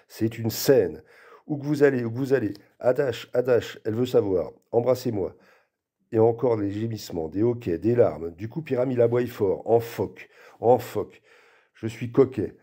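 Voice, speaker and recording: A man giving an expressive literary reading aloud and acting out the quoted lines. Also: fairly low pitch, slightly rough. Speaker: reader.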